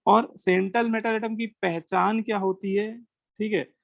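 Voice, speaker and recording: A man's voice: high-pitched, fairly even intonation, unhurried, gravelly, no room sound, highs cut off. Indian man teaching a chemistry lesson. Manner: asks questions and answers them himself, mixing Hindi and English. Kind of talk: classroom lecture. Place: classroom with students.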